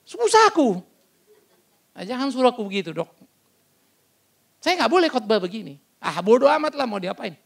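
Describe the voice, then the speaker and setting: A male pastor with a Batak Indonesian accent, preaching a sermon in a loud, blunt and animated storytelling way with sudden shouts. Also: high voice, brisk, gravelly, long pauses. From North Sumatra, Batak. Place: church service.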